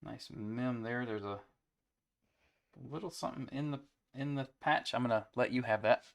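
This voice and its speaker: A man in his young adult years runs a card break from home. His voice sits at an ordinary middle pitch, and he chats in an easygoing way, reeling off player names between asides. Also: moderate pace, vocal fry. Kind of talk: casual chat while opening card packs.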